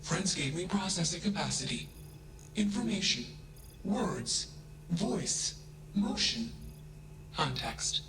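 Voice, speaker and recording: Emotionless clinical AI, clipped and cold, slightly high with gravelly edges, game audio with crowd behind. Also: male voice, big pitch swings, takes it slowly, long pauses, reverberant, exaggerated voice, poor audio. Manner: emotionless, terse clipped machine announcements. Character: emotionless clinical AI machine, male-voiced.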